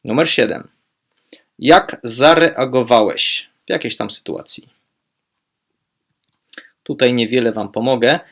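Male language tutor, gravelly, unhurried, spells out each phrase carefully. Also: medium pitch, a bit bright. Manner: slow, modelling German phrases deliberately, quick asides in Polish. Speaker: German language teacher. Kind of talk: explaining German phrases in Polish.

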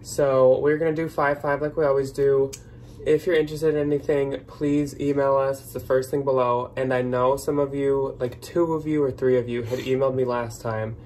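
A man's voice: mid-range voice, little pitch movement, moderate pace, a little mellow, slight background noise. A man in his twenties with an American accent, hosting in a casual, chatty vlog style. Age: 20s. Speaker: host. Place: small plain room indoors.

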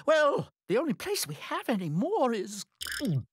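An actor voicing an excitable, easily frightened old male cook in a cartoon, who talks in a fretful, sing-song way. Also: medium pitch, normal speed, husky, no echo, studio quality. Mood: nervous. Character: ancient male cook, fussy and easily scared. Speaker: head chef with an apprentice. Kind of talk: cartoon voice acting. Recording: cartoon soundtrack with music underneath.

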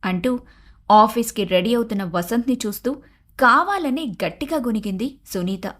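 A woman narrates an animated moral story in a scripted storybook manner. Her voice sits a little high, steady and measured between the dialogue.

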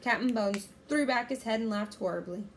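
A woman reading a children's chapter book aloud in a clear, steady storytelling manner. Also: on the high side, fairly quick, a little hiss or hum.

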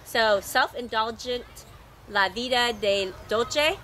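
A woman's voice: on the high side, slow pace, a bit bright. A middle-aged woman talking to her viewers in a chatty, rambling way, her voice still scratchy from losing it recently. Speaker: sailing travel vlogger. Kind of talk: casual unscripted monologue to camera.

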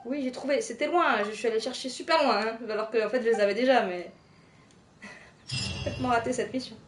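A woman's voice: fairly high pitch, fairly quick, a little hiss or hum. A woman streaming a game late at night at home, chatting loosely with her viewers and chuckling as she reads their messages. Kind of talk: casual live-stream chat.

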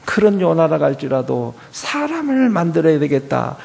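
A man preaching a sermon as pastor at a church, asking rhetorical questions and swinging from quiet to loud. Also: a little high, big pitch swings, moderate pace, vocal fry.

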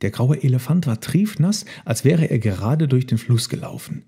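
A man narrating a children's storybook in a calm, even storytelling manner. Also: medium pitch, moderate pace, slightly rough.

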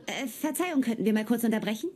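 A woman's voice: fairly high pitch, expressive, fast talker, a crowd in the background, noisy background, close to an everyday voice. A woman dubbing a bubbly young neighbor and aspiring actress in a sitcom, chatty and encouraging. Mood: friendly. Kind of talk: dubbed sitcom acting.

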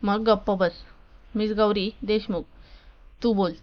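A woman reading the lines of a strict male college principal in a loud, scolding, authoritative way. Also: mid-range voice, fairly even intonation, slow pace, dull audio, natural voice. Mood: stern.

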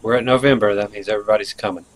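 A man giving casual, excitable commentary while playing a combat game, with sudden bursts of alarm. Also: on the low side, very fast. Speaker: gameplay commentator. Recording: clicks and gunfire over voice. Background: game gunfire and clicks.

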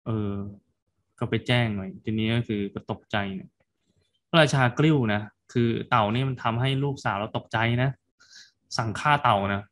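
Monk retelling a tale in a chatty way. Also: male voice, mid-range voice. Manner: casual storytelling, tags sentences with soft particles. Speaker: Buddhist monk teacher. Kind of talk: sermon retelling a folk tale.

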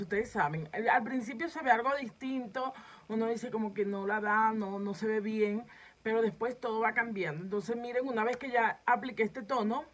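A woman's voice: fairly high pitch, poor audio. A woman makeup vlogger demonstrating a makeup tutorial, chatting directly to her viewers as she films herself at home. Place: home setup filming herself.

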